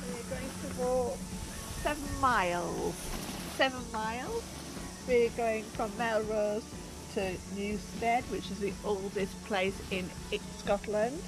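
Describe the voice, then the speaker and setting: A woman's voice: on the high side, takes it slowly, rough recording. A woman outdoors on a village street, casually listing the day's hiking plan step by step. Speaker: hiking companion explaining the route. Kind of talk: casual chat.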